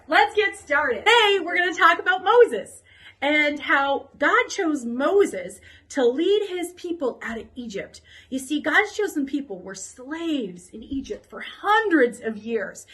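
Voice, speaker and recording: A woman children's pastor telling a Bible story to kids, casual and animated, acting out the crowd's voices. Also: high-pitched, measured pace, rough recording.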